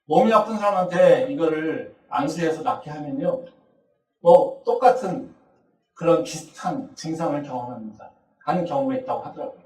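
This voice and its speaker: A high-pitched man preaches a sermon at a campus church. He acts out the voices he quotes and builds up to shouting. His voice is caught from a distance and rings through a roomy, echoing hall. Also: moderate pace. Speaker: pastor.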